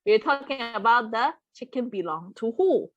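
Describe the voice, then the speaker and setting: A woman's voice: a little high, animated, normal speed, no room sound, lo-fi sound. A woman teaching an online Mandarin lesson in English, patiently repeating words and checking in with her students. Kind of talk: live online language lesson.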